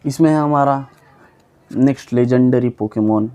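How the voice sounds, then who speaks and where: A young man casually reading aloud a long list of names for his viewers, sounding them out slowly and often stumbling and repeating them. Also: mid-range voice, warm tone, smooth, dull audio. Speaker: YouTuber reading Pokémon names.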